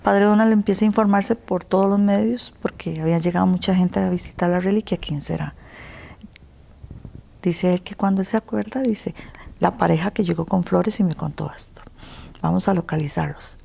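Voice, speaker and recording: A woman with a Costa Rican accent, telling her personal story in an interview, earnest and emotional, at times dropping to a soft whisper. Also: on the low side, moderate pace, creaky. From Costa Rica. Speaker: interview guest.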